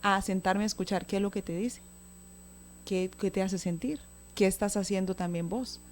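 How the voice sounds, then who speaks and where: A woman's voice: mid-range voice, steady tone, normal speed, slight background noise. A woman speaking as a guest expert, explaining child communication patiently on a talk show and often checking in with a question.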